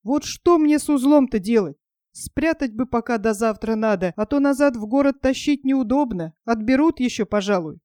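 A woman's voice: fairly high pitch, animated, moderate pace, warm tone, dry recording, clean studio sound, close to an everyday voice. A woman voicing a kindly male village teacher who talks in a homely, rueful way. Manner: calls the boy "brother", homely.

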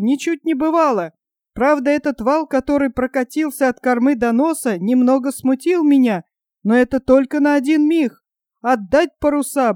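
Bragging cowardly male sidekick, fussy bluster, read by a woman, high, dry. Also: darkish tone, no echo, lightly acted. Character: boastful, cowardly male companion, chattering.

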